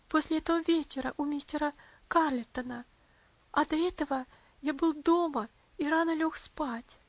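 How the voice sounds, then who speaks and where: A woman's voice: extremely high pitch, no room sound, voice pushed up. A woman voicing a frail, lame young boy who speaks anxiously in an audiobook story. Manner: anxious, breathless. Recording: dull lo-fi audio.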